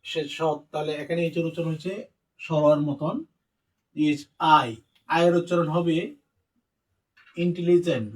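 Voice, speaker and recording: A man's voice: a little high, far from the mic, low-quality recording. A male English teacher giving a spelling and pronunciation lesson, spelling out letters one by one and talking directly to his students.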